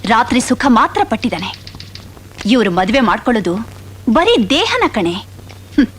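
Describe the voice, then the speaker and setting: A woman's voice: fairly high pitch, very animated, moderate pace, a little hiss or hum. An actress playing Jaya, a frank, worldly woman who lectures her friend bluntly in a 1990s film drama. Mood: lecturing. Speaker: film character.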